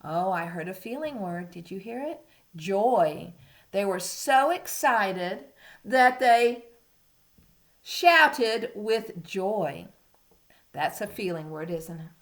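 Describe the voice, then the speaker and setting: A woman's voice: medium pitch, animated, slow. A woman reading a storybook to small children, as to a toddler, expressively, with simple coaxing questions to the listeners. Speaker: teacher reading a picture book to young children.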